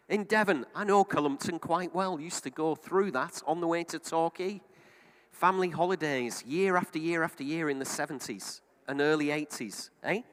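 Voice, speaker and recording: A man's voice: a little high, fairly bright tone. A middle-aged British man working as a car auctioneer, calling bids in a repetitive running patter with chatty asides. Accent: British English. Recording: reverberant hall sound.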